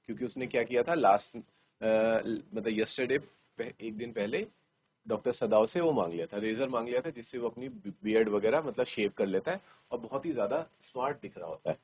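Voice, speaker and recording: A male teacher reading a story slowly in English and explaining it to his class in Hindi. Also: medium pitch, slightly rough, phone-quality sound.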